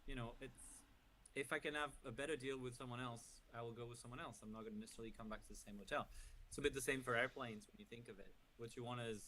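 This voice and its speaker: A man's voice: medium pitch, pushed and bright, low-quality recording. Man explaining news, faint noise behind. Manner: opinionated explaining with frequent word repeats. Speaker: podcast co-host. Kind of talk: casual industry news discussion.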